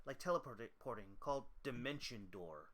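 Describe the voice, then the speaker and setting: A man narrating as game master in a tabletop game, animated and laughing between his descriptions. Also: medium pitch, normal speed.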